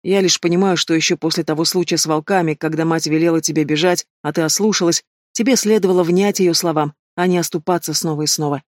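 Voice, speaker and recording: A man's voice: a little high, fairly even intonation, quick pace, few pauses, no echo, clean studio sound, natural voice. A man reading an audiobook voices a young noble brother who is reproachful and evasive toward his sister. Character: young noble brother, loyal to family, awkward.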